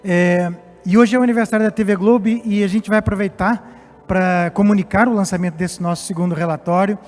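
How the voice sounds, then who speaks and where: Fairly quick and a little mellow, this man's high voice keeps a fairly even intonation. He is a company executive from Portugal in his late fifties, speaking as a guest on a live-event stage in a semi-formal, slightly hesitant way, with reverb and background music in the hall.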